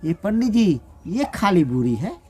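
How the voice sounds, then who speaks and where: A man's voice: sits high, big pitch swings, measured pace, a little mellow. Man doing a despairing village merchant. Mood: pleading. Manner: pleading, despairing. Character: frightened wailing village grain merchant man.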